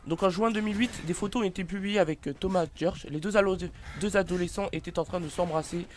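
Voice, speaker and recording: Casual male vlogger, a bit high-pitched, halting delivery with many fillers, light background noise. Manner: hesitant, many fillers and restarts, apologetic. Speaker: YouTuber presenting a celebrity biography. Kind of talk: casual read-aloud commentary.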